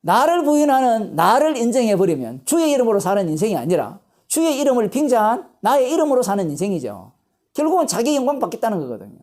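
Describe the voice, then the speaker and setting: Emphatic woman pastor, lively pitch. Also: fast. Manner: asks rhetorical questions and answers them; animated, emphatic delivery. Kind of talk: Bible lecture sermon.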